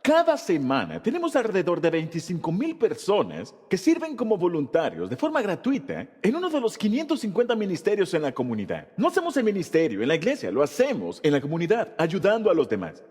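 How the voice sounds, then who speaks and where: A man preaching a sermon with a husky, slightly rough voice that sits fairly high. His delivery swings widely in pitch as he presses each point home. A long reverb trails behind his words. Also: huge pitch swings, brisk, few pauses, darkish tone. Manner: emphatic preaching delivery with rhetorical questions. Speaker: Spanish voice-over of a pastor's sermon.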